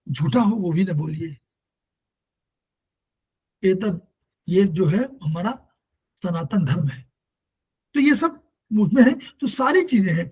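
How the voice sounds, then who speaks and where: A man's voice: high-pitched, husky, poor audio. A man teaching naturopathy in a spoken lecture. He asks his listeners questions and recites Sanskrit verses as he goes.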